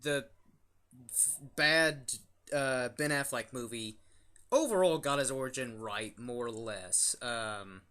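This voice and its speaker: A man's voice: medium pitch, slow pace, pushed and bright. A young man hosting a casual review chat, rambling with lots of fillers and restarts. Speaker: YouTube channel host.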